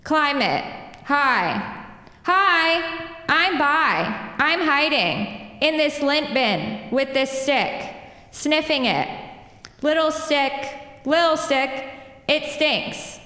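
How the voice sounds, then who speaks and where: A woman reads her poems slowly, line by line, in a high, bright voice. The sound carries the long ring of a big echoey hall. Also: lively intonation. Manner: slow, deliberate line-by-line delivery with soft laughs between poems. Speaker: poet reading her work. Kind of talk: poetry reading at a live event. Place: performance space.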